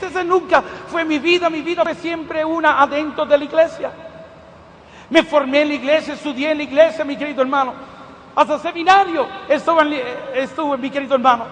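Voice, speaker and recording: A man's voice: very high-pitched, fairly bright tone. A male preacher giving an impassioned sermon testimony, repeatedly addressing listeners as his dear brothers. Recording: long hall reverb, faint noise.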